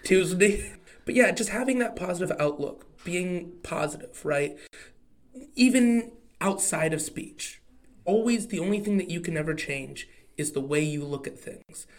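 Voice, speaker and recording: A man's voice: high voice, animated, moderate pace. A young man with an Oklahoma accent, chatting casually and candidly as a podcast co-host.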